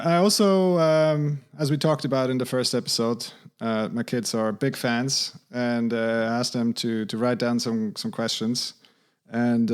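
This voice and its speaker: A man's voice: mid-range voice, smooth. A middle-aged man hosting a podcast, asking questions in a friendly, hesitant way with lots of uhs. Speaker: podcast host. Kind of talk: casual interview.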